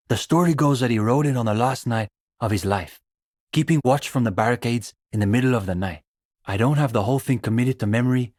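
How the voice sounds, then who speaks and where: Here the earnest communist student of a video game is played by a young man with a fairly low, darkish voice delivered naturally. The character is bookish, idealistic and mildly condescending, speaking in measured, hesitant, intellectual phrasing. The studio-quality recording has no room sound.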